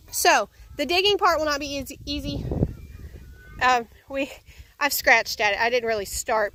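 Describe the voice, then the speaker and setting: A woman's voice: fairly high pitch, a bit bright. A woman vlogging outdoors at her chicken pen, explaining the work in a casual, chatty way with plenty of ums and uhs. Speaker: homesteading vlogger.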